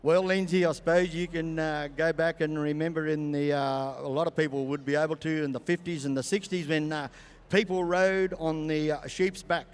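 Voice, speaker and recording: A high-voiced older Australian man calls a live event as a folksy arena showman. His delivery is clear and resonant, with drawn-out phrases, and rings out over the PA with long reverb. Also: steady tone. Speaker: campdraft commentator and announcer.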